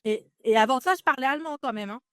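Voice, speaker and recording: A French woman in her thirties, a podcast guest, tells her story in a casual interview, chatty and full of fillers and restarts. Her voice sits high and she talks fast, recorded studio-quality with no room sound.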